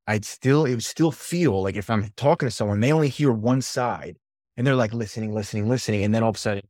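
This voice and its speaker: Low-voiced man telling his story. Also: fast, no echo, clean studio sound. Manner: animated storyteller, swears casually. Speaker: podcast guest, sales leader and coach. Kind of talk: casual interview storytelling.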